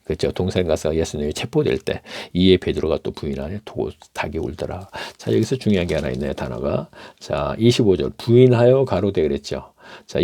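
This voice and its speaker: A middle-aged man teaches from the Bible, reading verses aloud and breaking off to explain them in an easy, talking-to-you manner. His voice sits very low and dark, with a gravelly edge. The sound is dry and close. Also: dry recording. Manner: reads scripture aloud, then explains it in plain conversational asides.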